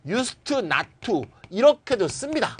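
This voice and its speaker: Grammar lecturer, middle-aged man, high voice, very animated, keeps checking students understand. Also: takes it slowly, slightly rough. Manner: lively, switches between formal and casual speech, often asks students to confirm. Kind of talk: recorded classroom lecture.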